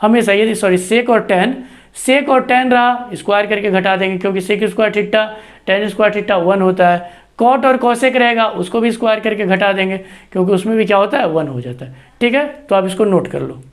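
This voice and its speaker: A man's voice: high voice, fairly quick. A man teaching math, explaining a proof step by step. He talks patiently and keeps checking with the students as he goes. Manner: patient, repeats checks like "see" and "okay".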